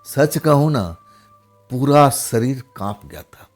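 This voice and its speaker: A man tells a ghost story in the first person, pausing often and speaking casually. His voice sits at an ordinary middle pitch. Faint music plays behind him. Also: expressive. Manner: conversational, many pauses and tag questions.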